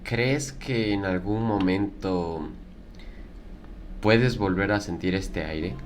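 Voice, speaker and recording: Deep-voiced man hosting a chat. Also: takes it slowly, slight background noise. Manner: short prompts and brief reactions. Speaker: podcast host. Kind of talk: casual interview.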